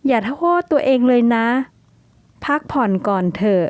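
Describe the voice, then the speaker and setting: A woman voicing a caring young woman who visits a hurt friend in hospital, speaking gently and soothingly. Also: fairly high pitch, expressive, normal speed, no echo, lightly acted. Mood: gentle, reassuring.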